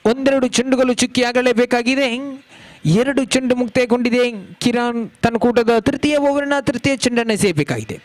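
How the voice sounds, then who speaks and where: High-pitched cricket commentator, man. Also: moderate pace. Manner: flowing, formal commentary with rising calls on big shots. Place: cricket ground.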